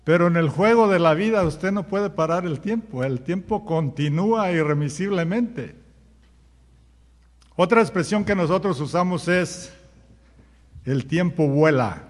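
Preaching at a normal speed, the pastor has a voice that sits high and carries the sound of a large hall. He fires rhetorical questions at his listeners and performs familiar sayings in quoted voices.

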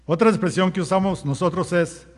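A man's voice: high voice, fairly even intonation, brisk, in a large hall. A man preaching a sermon as pastor, firing rhetorical questions at the congregation and acting out common sayings. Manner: acts out everyday sayings in quoted voices.

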